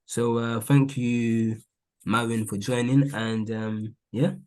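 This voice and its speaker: A man's voice: mid-range voice, fairly even intonation, takes it slowly, a little mellow. A man hosting a casual podcast, opening hesitantly with many fillers and restarts. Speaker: podcast host.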